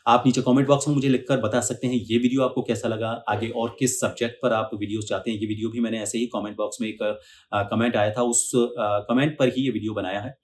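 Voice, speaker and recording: A man, hosting a speech lesson, who says hard words slowly again and again, syllable by syllable, and explains in a calm, teaching way with a few fillers. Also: mid-range voice. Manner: repeats each hard word slowly several times, syllable by syllable. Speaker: speech coach and channel host. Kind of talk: pronunciation lesson with slow, drawn-out example words.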